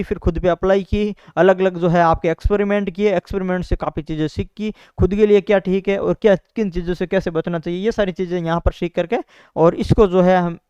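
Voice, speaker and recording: Young guy, high smooth voice, chatty and repetitive, dry muffled mic. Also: a little mellow, dry recording. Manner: informal, repeats himself, keeps adding "bhai" and "theek hai". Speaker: exam topper sharing preparation strategy. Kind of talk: casual motivational talk to students.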